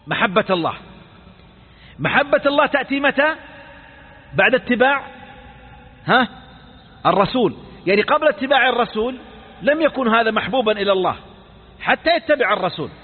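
A man teaching a creed lesson, asking the class quick check questions and restarting phrases with false starts. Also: very high voice, slightly rough. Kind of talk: recorded religious lesson. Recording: tinny phone-like audio with hall reverb.

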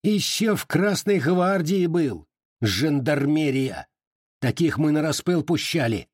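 A man voicing a spiteful, hot-tempered young Cossack in an audiobook reading, with a high, yelping delivery. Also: animated, measured pace, slightly rough, no room sound, studio quality. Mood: shrieking spite.

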